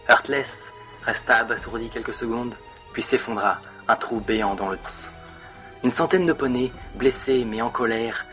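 A man with a bright, forceful voice narrating a dramatic story, leaning into each moment with expressive, theatrical delivery. Soft music runs in the background. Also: mid-range voice.

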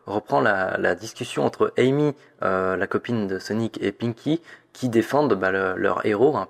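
A man's voice: medium pitch, creaky. A man hosting a weekly fandom news roundup, rambling along with frequent hesitations, restarts and playful mock drama.

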